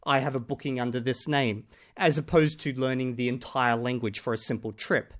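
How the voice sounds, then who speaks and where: Speaking at a medium pitch with fairly level intonation, a man argues his way through a reaction to another creator's video in a casual style. Pauses on "okay?" punctuate his points.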